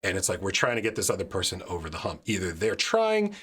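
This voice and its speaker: A man's voice: deep voice, huge pitch swings, quick pace, fairly bright tone, slightly rough. A man hosting a podcast, chatting casually with a friend, often repeating phrases and restarting sentences. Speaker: podcast host.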